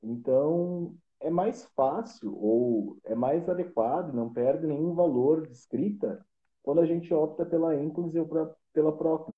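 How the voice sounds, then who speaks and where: A man's voice: on the high side, unhurried. A man, a Portuguese teacher patiently explaining grammar rules step by step with examples in a casual lesson. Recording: roomy, dull lo-fi live stream audio.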